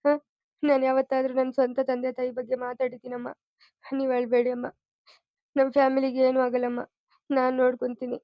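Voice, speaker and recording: Vijay, a gentle foster son. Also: female voice, sits high, monotone, a little fast, long pauses, dry recording, dull audio. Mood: soothing. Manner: soothing, pleading. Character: devoted young adult foster son, gentle and reassuring. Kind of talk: cartoon voice acting.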